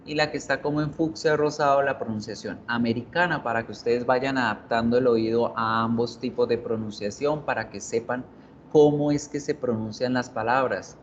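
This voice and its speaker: A man's voice: mid-range voice, fairly even intonation, normal speed, highs cut off, a little hiss or hum. A man teaching an online English class, explaining step by step and repeating example words several times.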